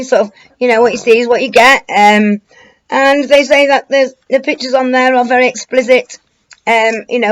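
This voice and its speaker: A British woman talks through a story in an informal vlog style. Her delivery is colloquial and rambling, often hesitating and circling back as she looks for the next phrase. Her pitch sits in an average range for a woman. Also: rough recording. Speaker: online commentator. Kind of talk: informal news commentary to camera.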